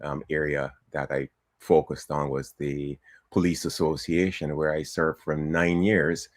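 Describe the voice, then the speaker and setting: An older man from Trinidad and Tobago talks as a guest on a talk show, in a very low voice. He is chatty and laughs easily, with lots of ums. The sound is close and dry. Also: level tone, unhurried, no room sound. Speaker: political candidate guest.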